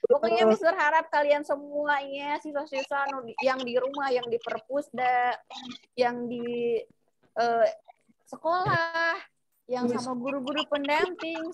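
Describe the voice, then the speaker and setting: Indonesian teacher lady, high voice, mixing english and indonesian for kids on a video call. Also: poor audio. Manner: mixes English and Indonesian, repeats words slowly for pupils. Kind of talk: online English lesson for children.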